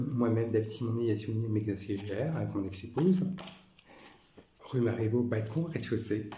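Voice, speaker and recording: Man in his forties from France, low voice, rambling and repetitive, echoey room, noisy background. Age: 40s. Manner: repetitive, says "voilà" constantly. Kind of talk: rambling monologue showing personal photos.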